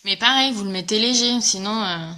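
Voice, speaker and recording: A woman's voice: medium pitch, fairly quick, pushed and bright. A woman presenting a casual live makeup tutorial, chatting enthusiastically with viewers and greeting them as she demonstrates. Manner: chatty and enthusiastic, many fillers.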